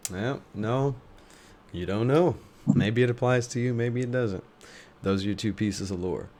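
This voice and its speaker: A man improvising narration as a tabletop game master, thinking aloud in a halting way. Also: mid-range voice, dark tone.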